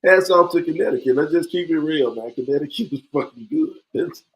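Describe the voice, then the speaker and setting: A man in his forties hosting a podcast, chatting casually, animated and joking, repeating himself often. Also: a little high, a little fast, poor audio. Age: 40s. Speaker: podcast host.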